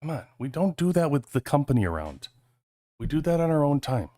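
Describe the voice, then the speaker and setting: A livestream host talks into a cheap headset in loose, rambling chat peppered with jokes. His voice is on the high side and dark-toned, very animated and fairly quick.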